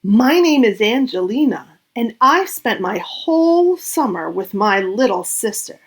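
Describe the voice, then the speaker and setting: A woman voicing a shy young schoolgirl finding her courage in a storybook, earnest and clearly projected. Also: fairly high pitch, sing-song, unhurried. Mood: earnest, brave. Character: shy young girl gaining courage to share.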